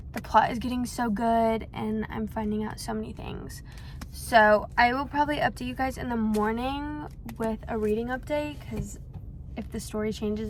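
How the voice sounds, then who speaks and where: A young woman in her twenties gushes through a casual reading vlog, full of fillers and excitement. Her voice sits a little high. A faint room hum sits under the recording. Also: poor audio. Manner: gushing, chatty, lots of fillers. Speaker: book vlogger.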